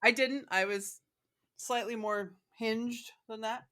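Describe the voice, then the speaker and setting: A woman from Michigan hosting a podcast in casual chat, talkative and quick to laugh, with plenty of fillers. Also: a little high, steady tone, pushed and bright. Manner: chatty, laughs often, many fillers. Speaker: podcast host.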